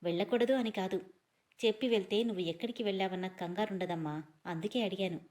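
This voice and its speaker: A woman voicing an older mother-in-law who scolds gently and calmly in a storybook reading. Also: medium pitch, fast, natural voice. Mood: gentle.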